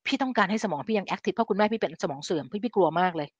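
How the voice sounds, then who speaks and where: A woman's voice: medium pitch, animated, very fast, husky, no echo. Chatty woman hosting a health live stream. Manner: chatty, addresses viewers as an older sister; mixes English science terms into speech. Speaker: live-stream host giving health advice. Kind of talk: casual live-stream talk to viewers. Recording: dry, slightly dull live-stream audio.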